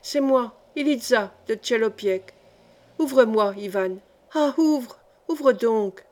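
A woman's voice: on the high side, measured pace, darkish tone, close to an everyday voice. A woman reading an anxious old peasant grandmother who pleads urgently, in a storybook. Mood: pleading.

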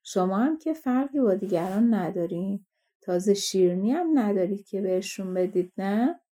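A woman voicing a boastful, scornful yellow dwarf man in a fairy-tale audiobook. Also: medium pitch, expressive, natural voice. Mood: mocking. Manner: mocking, self-satisfied.

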